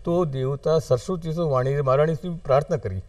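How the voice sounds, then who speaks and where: Guy on a tv studio talk show, reciting his poems sing-song and repeating lines, dry sound, a bit off mic, voice on the high side. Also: moderate pace, darkish tone, no room sound, far from the mic. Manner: recites devotional verse in a sing-song chant, repeating each line. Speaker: studio guest, poet and translator. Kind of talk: conversational interview with recited verse. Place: television studio.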